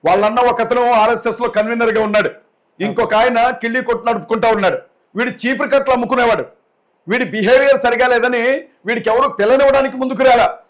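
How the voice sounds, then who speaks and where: Indignant high-voiced man speaking forcefully. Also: fairly even intonation, fast. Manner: forceful, indignant, repeats points, keeps saying "sir". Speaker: interview guest, activist. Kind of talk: heated interview talk.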